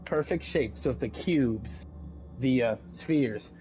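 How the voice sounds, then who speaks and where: A man in casual gaming chat over a crackly mic that keeps cutting out, talking haltingly and repeating himself. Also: mid-range voice, soft background music. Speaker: gamer on voice chat. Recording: dull lo-fi mic with loud noise.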